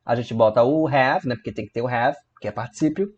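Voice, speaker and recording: With a husky, mid-range voice on a muffled recording, this man talks fairly quickly. He's an English teacher from Brazil giving a grammar video lesson, playfully explaining and asking viewers questions, with lively storytelling and rhetorical questions.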